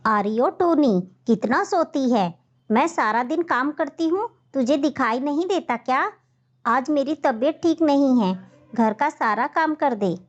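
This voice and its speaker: A woman's voice: sits high, animated, measured pace. A woman voicing a bossy, cruel crow stepmother in a children's cartoon story, scolding and threatening like a wicked stepmother. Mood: bossy, irritated. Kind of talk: animated children's story voice acting. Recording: dull lo-fi audio.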